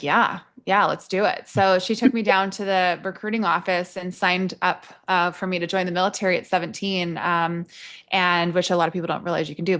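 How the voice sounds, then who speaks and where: On a podcast, an army veteran who now works in HR tells her personal stories openly and conversationally. Middle-aged and from Nottingham, England, she has an American accent and a fairly low voice with a fairly bright tone.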